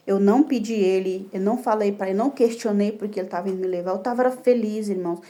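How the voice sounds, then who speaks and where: Brazilian woman telling her faith testimony at home, warm soft voice, keeps saying brothers, emotional. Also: medium pitch, quick pace. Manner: emotional, repetitive, addresses listeners as brothers. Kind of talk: religious testimony. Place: indoor home room.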